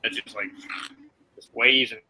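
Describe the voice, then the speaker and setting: A man's voice: medium pitch, steady tone, measured pace, noisy background. A man hosting a podcast, a former police officer speaking candidly and laid-back, with some swearing. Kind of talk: casual podcast conversation.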